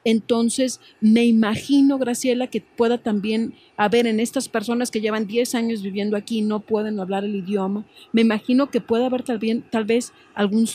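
A woman hosting a talk show panel, calmly putting questions to her guests. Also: a little high, slightly rough. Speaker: host.

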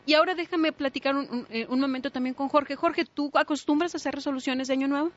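A woman's voice: high-pitched, quick pace. A woman, hosting a radio talk show and guiding the conversation. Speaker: radio host. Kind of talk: casual radio chat. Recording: dull lo-fi radio sound.

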